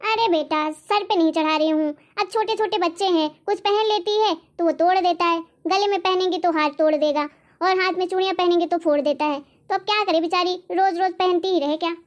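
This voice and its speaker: A woman voicing a kindly, reasonable older mother-in-law in a cartoon, speaking in a gentle, motherly way. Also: very high voice, fairly even intonation, fairly quick. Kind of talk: animated cartoon voice acting.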